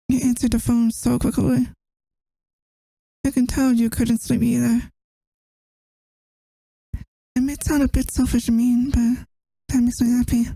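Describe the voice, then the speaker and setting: A woman's voice: fairly high pitch, gravelly, no echo. A woman playing a tired, affectionate girlfriend who misses her partner, in a tender, intimate ASMR role-play. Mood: tender, reassuring. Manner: tender, intimate, soft-spoken.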